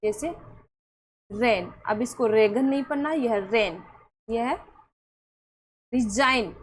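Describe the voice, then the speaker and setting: Woman English teacher, high voice, slow and patient, repeats rules and checks understanding. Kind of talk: classroom lesson.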